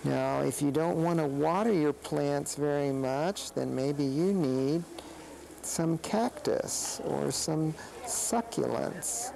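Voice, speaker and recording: Someone voicing a slow gravelly snake. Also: mid-range voice, slight background noise, low-quality recording. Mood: gentle. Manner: gentle, explaining to children. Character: friendly snake puppet touring a flower show. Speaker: children's show presenter. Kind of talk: kids' TV field segment.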